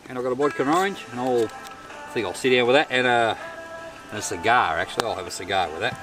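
A man's voice: mid-range voice, fast, music in the background. A middle-aged Australian man chatting casually to camera while camping and fishing on a riverbank at night. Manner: laid-back, chatty, self-amused. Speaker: outdoor vlogger. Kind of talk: casual camp narration. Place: riverbank campsite at night, outdoors. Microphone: camera mic at a distance. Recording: distant camera mic, outdoor night noise.

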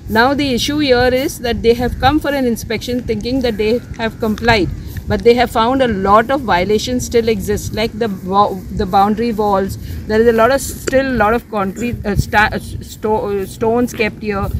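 A woman's voice: on the high side, steady tone, normal speed, background noise. An older woman activist, speaking earnestly outdoors in a news interview, restarting often. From India. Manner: earnest, insistent, with frequent restarts and fillers. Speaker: civic activist. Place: outdoors near a beach, under an umbrella.

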